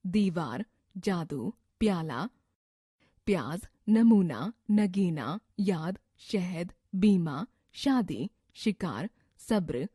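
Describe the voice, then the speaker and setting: Slow, mellow woman reading a lesson. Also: on the low side, husky, dry recording, clean studio sound. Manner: slow, deliberate listing of word examples. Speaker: textbook narrator. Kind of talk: scripted grammar lesson reading.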